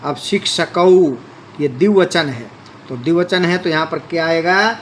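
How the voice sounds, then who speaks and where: In a classroom-style explanation, a man with a voice on the high side teaches Sanskrit, reading lines aloud before explaining them at an unhurried pace. There is a little hiss or hum on the recording.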